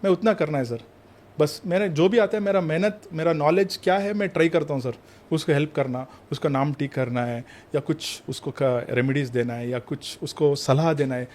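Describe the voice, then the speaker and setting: A man's voice: on the high side, normal speed, darkish tone. Earnest man, numerologist, saying sir constantly. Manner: addresses the host as sir in nearly every sentence; mixes Hindi with English phrases. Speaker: numerologist and vastu consultant. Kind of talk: earnest anecdotal storytelling.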